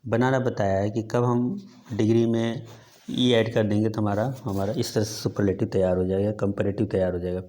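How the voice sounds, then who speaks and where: A man with an Indian accent and a fairly low voice teaches a grammar class. His throat is sore, and he reads each English example slowly before explaining it in Hindi, with frequent fillers between points. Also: flat delivery, warm tone. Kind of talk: grammar lesson explaining slides.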